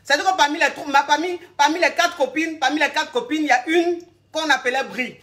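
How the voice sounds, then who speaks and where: A woman coaching her viewers on relationships in a loose, chatty live talk. Her voice is bright and forceful. She rambles, stalls and searches aloud for the words she wants, speaking to her audience as if they were friends. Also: sits high, fairly quick. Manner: addresses the audience directly and familiarly.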